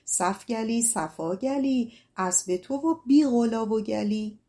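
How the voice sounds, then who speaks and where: A woman voicing a demon girl posing as a sister, chanting a slow, sly rhyme. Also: fairly high pitch, warm tone, lightly acted.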